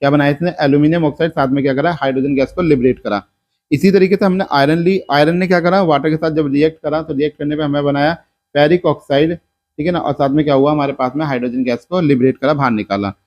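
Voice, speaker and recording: A man's voice: fairly high pitch, fairly even intonation, fast, darkish tone, lo-fi sound. A male science teacher from India giving a lecture, asking and answering his own questions step by step. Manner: explains step by step, asks and answers his own questions, mixes in English terms. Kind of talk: classroom lecture.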